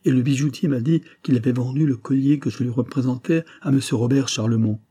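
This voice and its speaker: A man's voice: on the low side, fairly even intonation, moderate pace, mellow, slightly rough, no echo, studio quality. A man reading aloud as a shattered middle-aged secretary who speaks in a broken voice. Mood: agitated.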